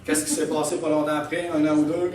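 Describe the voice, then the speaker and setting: A man's voice: on the high side, little pitch movement, quick pace, a little mellow, echoey room, far from the mic, a little hiss or hum. A man with a Québécois French accent preaching a sermon as pastor, emphatic, often calling out "Amen?" and laughing. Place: church hall.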